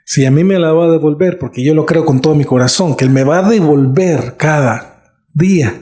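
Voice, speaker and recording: A middle-aged pastor preaches in church with a fairly high, warm voice at a moderate pace. He's earnest and conversational, often checking in with his listeners, and the room sounds echoey.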